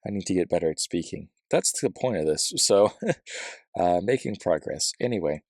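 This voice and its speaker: A man's voice: sits low, lively intonation, normal speed, darkish tone, no echo, clean studio sound. A man hosting a let's play, chatting casually about his build with a rambling, self-deprecating manner and lots of fillers. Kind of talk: casual gameplay commentary.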